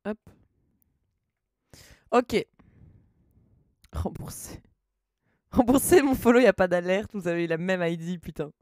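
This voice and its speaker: A woman's voice: lowish voice, lively intonation, normal speed, pauses often, a little mellow, no room sound, studio quality. A woman streaming live, chatting casually and reading her chat aloud, laughing often.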